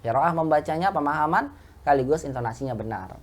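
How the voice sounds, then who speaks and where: A woman with an Indonesian accent teaching an Arabic class, patiently correcting students and modelling the words slowly. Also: low voice, lively intonation, slight background noise.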